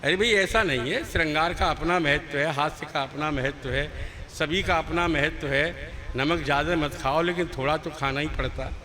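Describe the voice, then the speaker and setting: A man's voice: fairly high pitch, moderate pace, bright, forceful tone. An older man performing as a poet at a live poetry gathering, chatting with the crowd through rhetorical questions and chanting verses into a stage microphone. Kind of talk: humorous stage poetry recital.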